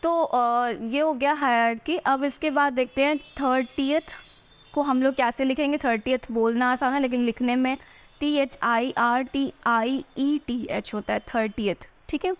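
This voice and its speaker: Woman teacher, high voice, coaching exam spelling with frequent check-ins. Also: steady tone. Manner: spells words out letter by letter, slowly. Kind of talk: exam-prep spelling lesson.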